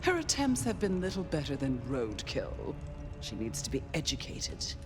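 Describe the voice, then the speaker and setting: An actress playing a haughty, eccentric ancient vampire in a video game, languid and condescending, given to dreamy reverie. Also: female voice, low-pitched, huge pitch swings, moderate pace, over music. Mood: imperious, disdainful. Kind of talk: dramatic video game acting.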